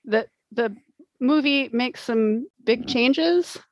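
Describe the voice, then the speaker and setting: A woman's voice: a little high, slow, dry recording, dull audio. A woman co-hosting a book podcast, chatting casually in a wry, informal way. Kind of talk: casual chat.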